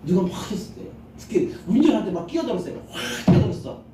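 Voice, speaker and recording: Preaching his Sunday sermon in a big sanctuary, this male pastor acts out small scenes and poses questions to the congregation, speaking quickly in a high, warm voice with big pitch swings. The handheld mic sounds distant in the very echoey hall, and there's a little hiss or hum.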